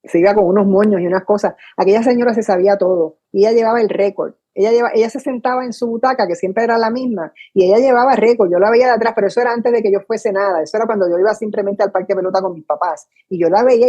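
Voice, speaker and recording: An older woman with a Puerto Rican accent, a radio announcer recalling her career in an interview from home, lively and acting out old conversations. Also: mid-range voice, quick pace, hardly any pauses, breathy edge, muffled recording. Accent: Puerto Rican Spanish. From Puerto Rico. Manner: animated storyteller, acts out her own past dialogue. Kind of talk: storytelling interview. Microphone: video call from home.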